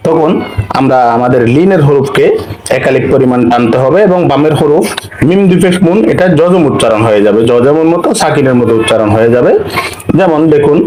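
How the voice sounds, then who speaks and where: Higher-voiced man teaching Quran reading. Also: darkish tone, a little hiss or hum, poor audio. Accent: Bangladeshi Bengali. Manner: spells out letters and vowel marks, repeats example words slowly. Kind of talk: slow step-by-step lesson.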